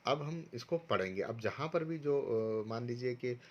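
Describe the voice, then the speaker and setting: Male primary teacher, online lesson for small children, slow and patient, spells out sounds one by one, mid-pitched voice. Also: expressive, muffled recording. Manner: patient, slow and step-by-step, sounding out syllables for pupils to repeat. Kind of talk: recorded online Hindi lesson for first graders.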